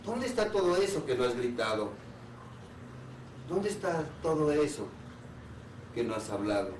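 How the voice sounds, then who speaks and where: A man, a therapist, giving an earnest public talk on anxiety and asking the audience one rhetorical question after another, with pauses between phrases. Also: fairly high pitch, big pitch swings, background noise. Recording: roomy hall sound from a distant mic.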